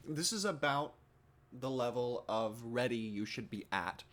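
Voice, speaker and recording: A man's voice: mid-range voice, unhurried. A man who teaches theatre, speaking casually to the camera as he explains a rehearsal assignment and reflects on his own progress. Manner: casual, relaxed, many fillers and restarts. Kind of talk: instructional demo and self-reflection.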